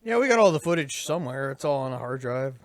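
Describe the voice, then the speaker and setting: A man chatting casually on a commentary track about a comedy series he made, relaxed and trailing off. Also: mid-range voice, fast. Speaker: co-creator commenting on his show.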